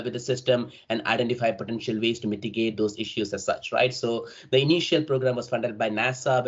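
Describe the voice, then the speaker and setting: South Indian-accented man presenting, muffled call audio. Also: mid-range voice. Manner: often ends sentences with tags like "right?" and "as such". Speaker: university faculty member presenting. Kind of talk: online academic presentation. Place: remote online call. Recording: dull, band-limited online call audio.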